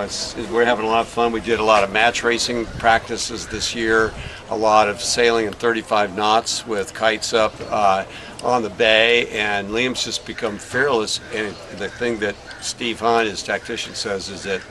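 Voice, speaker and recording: The father of a young racer, himself a middle-aged sailor, talks at a moderate pace in a fairly low, steady voice. It's a casual interview recorded noisily outdoors, where he spins stories laced with fillers.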